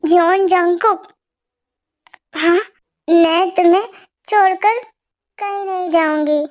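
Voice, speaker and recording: A woman's voice: extremely high pitch, normal speed. A woman playing a whiny, tearful young wife. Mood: jealous. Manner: whiny, sobbing and accusing. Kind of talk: amateur Hindi fan dub.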